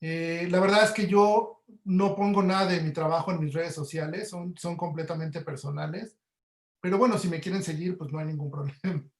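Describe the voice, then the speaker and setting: This is a webinar interview with an audio producer, a Mexican-accented man answering casually. His voice is a little high and steady, at a moderate pace, and the recording is roomy with echo.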